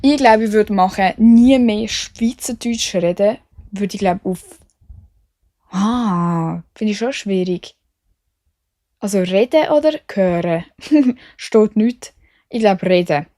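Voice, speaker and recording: A woman's voice: medium pitch, slow pace, pauses often, mellow, no echo, clean studio sound. A young woman from Switzerland with a Swiss German accent, chatting casually as the host of her solo podcast, self-mocking and full of English slang.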